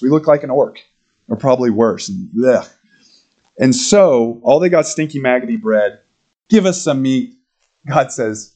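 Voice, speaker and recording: A male pastor preaching a sermon in a conversational, animated way, acting out quoted lines and laughing between points. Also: mid-range voice, breathy edge. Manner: animated, acts out quotes in character voices.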